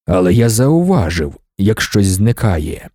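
A man reading an audiobook, voicing an ancient god-emperor in a low, slow, commanding tone. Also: big pitch swings, dark tone, no echo, clean studio sound. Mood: stern.

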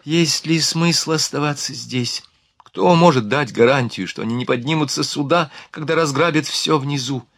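A man voicing a frightened young woman who speaks in a hushed, anxious way, in an audiobook. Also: on the high side, normal speed, no echo, studio quality. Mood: anxious whisper.

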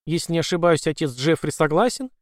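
A possessed mother who coaxes in a sweet, calm voice while hinting at menace, as a male narrator puts her on. Her speech is smooth and unhurried, on a dry, close recording. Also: on the high side, no echo, close to an everyday voice. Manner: sugary, calm, coaxing.

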